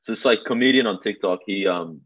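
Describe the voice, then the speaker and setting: A man's voice: on the low side, brisk, a bit bright, slightly rough, muffled recording. A man co-hosting a casual podcast, telling things in a laid-back, slangy way. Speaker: podcast co-host. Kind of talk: casual conversational storytelling.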